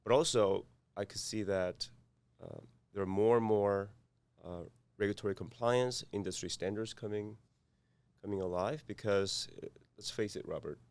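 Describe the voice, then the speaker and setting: A man from South Korea with a Korean accent, a podcast guest speaking haltingly with many fillers and restarts. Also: on the low side, a little mellow, clean tone. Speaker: guest, cybersecurity firm founder. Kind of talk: podcast interview.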